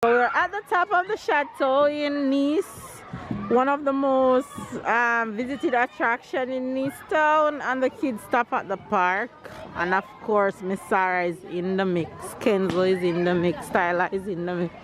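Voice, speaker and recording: A woman's voice: fairly high pitch, unhurried. A woman narrating a casual family vlog, chatting informally to viewers, recorded outdoors on a handheld camera. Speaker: family vlogger. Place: outdoors in busy public tourist spots. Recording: noisy outdoor street, loud crowd and traffic. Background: loud crowd chatter and vehicle noise.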